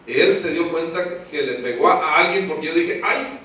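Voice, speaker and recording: A man preaching a sermon, emphatic, swinging from hushed to shouting and asking rhetorical questions. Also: fairly high pitch, moderate pace, slight background noise. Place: church hall. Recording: echoey hall, mic at a distance.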